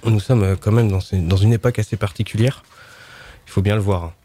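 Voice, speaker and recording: A man's voice: on the low side, fairly even intonation, a little fast, warm tone. A man presenting book picks on a casual book show, chatty and hesitant with many fillers.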